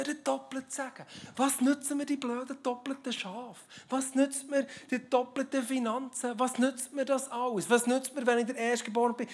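Picture a starving, impatient man, his voice pitched up and pushed hard as he pleads that nothing matters but food now, as a Swiss German preacher puts him on in a sermon. The lines come out louder and more strained than the preacher's own talk, and every word is fed up and insistent. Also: close to an everyday voice. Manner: pleading, exasperated. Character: hungry, impatient adult man from scripture.

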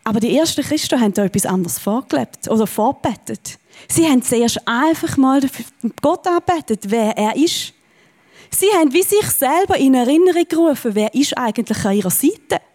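A woman's voice: sits high, animated, moderate pace, a little mellow. A woman preaching a sermon from a church stage, earnest and encouraging, with emphatic rises in her voice.

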